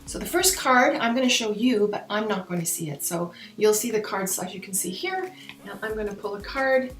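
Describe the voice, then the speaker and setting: A woman with a mid-pitched voice gives a casual card reading in the manner of a fortune teller. She talks straight to her viewers in chatty, mystical new-age language. The room is noticeably echoey, with faint music. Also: expressive, moderate pace. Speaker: tarot and oracle card reader hosting her own channel.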